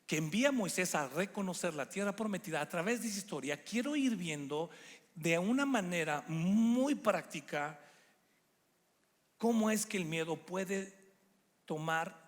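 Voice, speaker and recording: Preaching as a guest on a church stage, a middle-aged man gives a sermon in a slightly high voice, animated yet a little slow. He mimics the people he quotes with put-on voices, and the sound echoes with the long reverb of a large hall.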